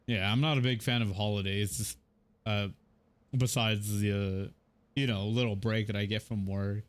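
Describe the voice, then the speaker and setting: A man's voice: on the low side, fairly even intonation, moderate pace. A man in his twenties from Mexico, chatting casually and a bit hesitantly while streaming a game. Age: 20s. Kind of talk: casual gameplay chat.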